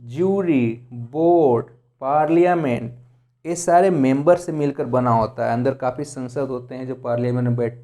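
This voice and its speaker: A man's voice: medium pitch, normal speed, dark tone. A man giving a grammar lesson, explaining rules through lists of examples and often checking in with the class. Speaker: English grammar teacher.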